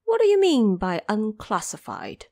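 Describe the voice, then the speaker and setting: A woman's voice: mid-range voice, huge pitch swings, measured pace, gravelly, dark tone, dry recording, studio quality, full character voice. A woman voicing a proud, hot-tempered male monkey warrior in an audio drama, boastful and indignant. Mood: curious, self-assured.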